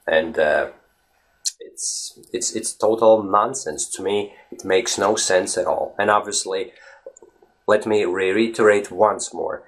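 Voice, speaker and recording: Speaking slowly in a lower voice, a vlog host from Latvia, whose first language is Latvian, chats on his own to the camera. He's emphatic, speaks directly to viewers, and keeps asking "right?"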